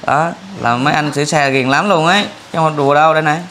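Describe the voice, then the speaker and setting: A man's voice: a little high, fairly even intonation, fast talker, bright, forceful tone, slight background noise. A man hosting a charity vlog, chatting and joking with a family as he coaxes a boy to come to the city. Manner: coaxing, jokey, talks to the family. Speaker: vlogger, charity host. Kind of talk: casual chat.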